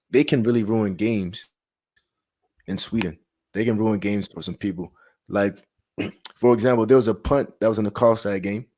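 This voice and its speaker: A man's voice: on the low side, a little mellow. A man co-hosting a sports podcast, chatting casually in a blunt, slangy way. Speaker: podcast co-host. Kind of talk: casual sports commentary chat.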